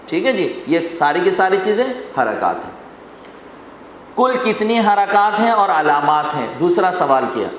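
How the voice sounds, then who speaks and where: Male teacher, high voice, reverberant hall with a faint hiss, patient step-by-step classroom explaining. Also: very animated. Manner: explains rules step by step, quizzing students and repeating lists. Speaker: Quran recitation teacher. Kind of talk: classroom lesson. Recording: very echoey hall with faint noise.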